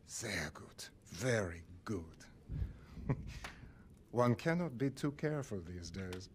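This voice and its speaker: A cruel middle-aged German officer who savors every slow, mocking word. His pitch swings lively as he toys with his guest. The game audio has a steady noisy hiss behind him. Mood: gloating. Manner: silky, mocking, relishing menace.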